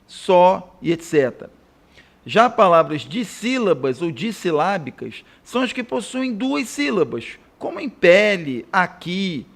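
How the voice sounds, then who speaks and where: Lively, gravelly Brazilian male teacher. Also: high-pitched. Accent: Brazilian Portuguese. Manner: didactic, spells out example words slowly. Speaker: Portuguese teacher. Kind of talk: recorded grammar lesson.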